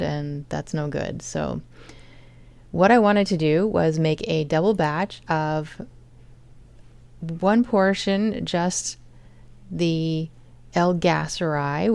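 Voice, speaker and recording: A woman's voice: low-pitched, creaky, a little mellow, clean tone, no room sound. A woman casually narrating her home cooking vlog, explaining each step as she goes. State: chronic fatigue.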